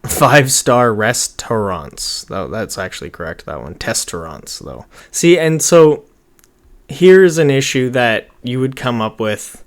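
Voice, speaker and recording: Working at a computer in a small indoor room, an online marketing tutorial host in his thirties rambles informally through a screen share, muttering to himself as he goes. His clear, resonant voice is medium in pitch with big swings, and he speaks a little slowly.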